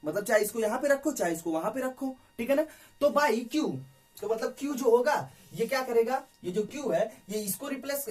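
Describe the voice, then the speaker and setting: A male teacher with an extremely high yet darkish voice works through a physics problem at the board, recorded from a distant mic. He keeps posing rhetorical questions and checking in with students, often adding "ठीक है ना".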